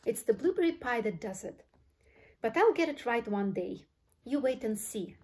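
A woman's voice: fairly high pitch, animated, normal speed, a little mellow, lightly acted. Woman as fretful, sighing Willy Wonka. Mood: resigned annoyance. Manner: sighing, stammering repetitions. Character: eccentric fretful male candy inventor, apologetic, sighing.

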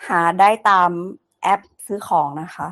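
A woman co-hosting a casual Thai podcast, chatty and quick to laugh as she shares her own experiences. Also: fairly bright tone. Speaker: podcast co-host. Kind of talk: casual chat.

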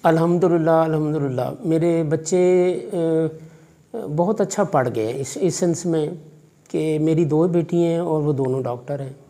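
The voice is a little high and warm: a middle-aged Pakistani college vice principal in his 50s, Pakistani Urdu accent, giving measured, fatherly interview answers with religious phrasing and hesitant fillers. A camera placed far away records him in an office.

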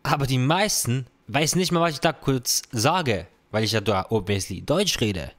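A man's voice: mid-range voice, lively intonation, normal speed, a bit bright. A young man, reacting casually to comments on his own video, dropping slang and English phrases. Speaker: content creator.

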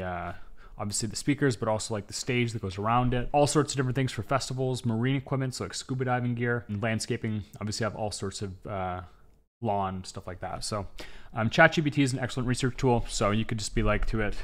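A young Canadian man with a Canadian accent, giving an upbeat tutorial to camera as an e-commerce educator. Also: medium pitch. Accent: Canadian English. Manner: upbeat, clear explainer with casual fillers. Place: dim indoor studio.

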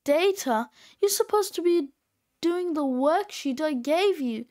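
A woman's voice: sits high, animated, unhurried, a little mellow. A woman reading aloud, voicing a stern, exasperated female schoolteacher. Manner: scolding, exasperated.

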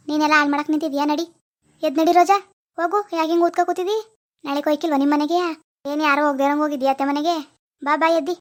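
Brief: a woman playing a nagging village mother-in-law, high voice, clipped and quick. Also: lightly acted. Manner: loud, nagging, commanding. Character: scolding middle-aged mother-in-law, strict and bossy.

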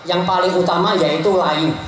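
A man's voice: fairly even intonation, normal speed. A middle-aged man explaining a crop product to farmers at an outdoor event, speaking to them directly. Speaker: product presenter. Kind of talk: product explanation at a farm launch. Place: outdoor tent event in a village. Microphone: handheld mic through loudspeakers. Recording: booming PA echo, distant, music behind.

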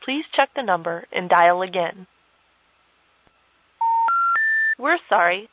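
A woman's voice: on the low side, expressive, normal speed, very noisy. A woman reading a scripted disconnected number message in a formal way, with digits pieced together one by one. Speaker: telephone intercept announcer. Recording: dull lo-fi telephone recording.

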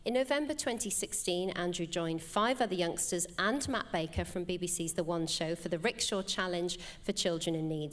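A woman hosting an awards ceremony, presenting winners and asking upbeat, encouraging questions. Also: fairly low pitch. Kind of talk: presenting and on-stage interviewing.

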